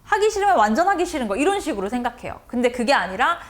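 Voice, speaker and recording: A woman's voice: high-pitched, rapid-fire. A woman lecturing teachers on how to talk with students, often acting out the lines of teacher and child. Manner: lively, acts out teacher and child lines in a changed voice.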